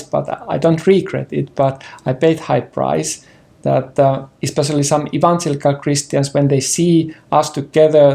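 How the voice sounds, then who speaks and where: An older Finnish-accented man speaks slowly and haltingly, stopping for fillers and clearing his throat. His voice is dark and gravelly. He is a native Finnish speaker who chooses his English words carefully. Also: a little high. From Finland. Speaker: interview guest, partner in conversation. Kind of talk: personal conversation on a sofa. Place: indoor living room with bookshelves.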